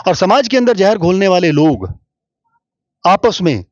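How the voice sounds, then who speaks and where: A man's voice: high voice, very animated, a little slow, no room sound, muffled recording. A man, giving emphatic, argumentative answers as a religious guest in an interview.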